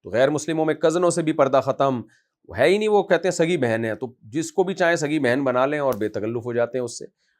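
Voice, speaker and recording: A man, an Islamic scholar, answering a question in a conversational religious talk, scolding and forceful in manner. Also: fairly high pitch.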